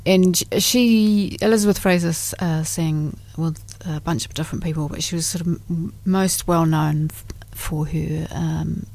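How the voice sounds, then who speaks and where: A woman's voice: deep voice, fairly even intonation, measured pace, gravelly, hardly any pauses, a little mellow. A woman with a New Zealand accent hosting a radio music show in a casual, chatty, informal way. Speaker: radio host. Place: radio studio.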